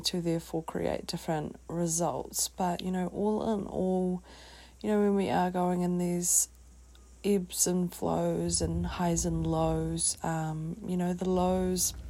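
A woman with a New Zealand accent hosting a reflective solo wellness talk, speaking in a halting, thoughtful way with trailing phrases. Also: lowish voice, little pitch movement. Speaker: podcast host.

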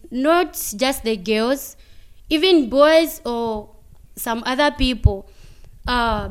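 A young woman from Zambia with a Zambian accent, answering interview questions about playing football, halting and mixing in local words. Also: fairly high pitch, clean tone. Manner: mixes English with local words, halting with many fillers.

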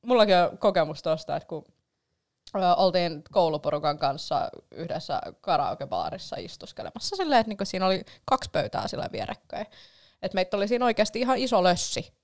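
A woman's voice: fairly low pitch, sing-song. A young woman telling a long story in a casual chat, rambling with lots of fillers and the odd swear.

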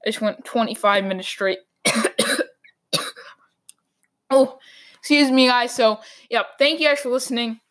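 A woman hosting a solo sports talk podcast, ranting with strong opinions, her voice going hoarse. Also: a little high, fairly quick, fairly bright tone.

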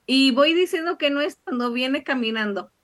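Casting: female host, high voice, easygoing and affirming. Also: lively intonation, normal speed, a bit bright, dry recording. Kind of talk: casual interview over a call.

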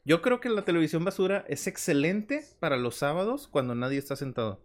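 A man with a Mexican Spanish accent chats on a casual podcast. He tells his stories in an animated, slangy way. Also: a little high, brisk. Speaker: podcast co-host. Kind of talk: casual chat.

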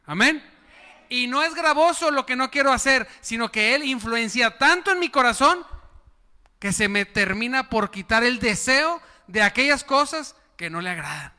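Man, pastor, sermon, very high voice, call-and-response, reverberant church hall. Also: animated, moderate pace, sharp tone, clear, resonant tone. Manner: preaching with call-and-response to the congregation.

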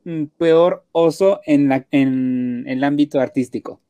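A woman's voice: low-pitched, slow, dark tone, no room sound. A woman interviewing a guest for a magazine, asking questions in a friendly, affirming way. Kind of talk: casual interview.

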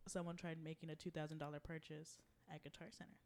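A woman's voice: sits low, little pitch movement, fast, a little mellow. A young woman chatting casually and telling a story, swearing often, laughing a lot and acting out the people she quotes. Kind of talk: casual chat.

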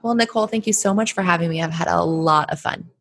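Husky-voiced woman, confident podcast guest. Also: on the low side, quick pace, fairly bright tone. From Connecticut, US. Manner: confident, matter-of-fact, dry humor. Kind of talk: casual podcast interview.

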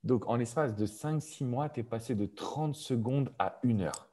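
A man hosting an interview, asking questions in a chatty, animated way. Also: mid-range voice, unhurried. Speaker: podcast host.

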